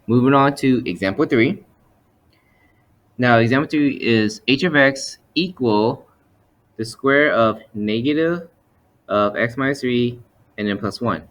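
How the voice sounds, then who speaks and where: A man's voice: mid-range voice, measured pace, pauses often, fairly bright tone. A man teaching step by step as he narrates slides, methodical and explanatory, often restating his points. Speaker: math teacher. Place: voice-over for a screen recording.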